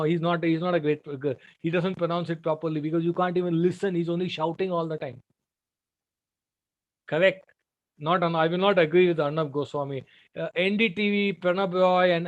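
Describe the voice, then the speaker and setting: A man with an Indian English accent, giving a life-skills lecture to students and playing with his volume and pace to make his points. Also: sits high. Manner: shifts volume and pace to demonstrate. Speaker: trainer. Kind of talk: classroom lecture.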